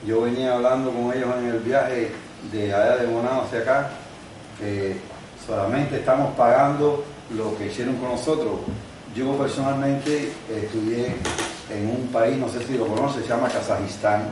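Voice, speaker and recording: A man's voice: mid-range voice, steady tone, moderate pace, recorded from a distance. Older male guest lecturer, conversational, recorded off-mic in a very echoey room with faint hiss. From Cuba. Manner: conversational, explains with examples and asides. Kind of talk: university lecture. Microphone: no microphone, distant recording.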